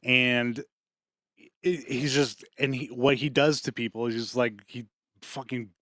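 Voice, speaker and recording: A man's voice: medium pitch, steady tone, fairly bright tone, no room sound. Man, podcast co-host, casual rambling, frequent swearing, dry close sound. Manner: rambling, swears often, quick laughs. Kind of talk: casual chat.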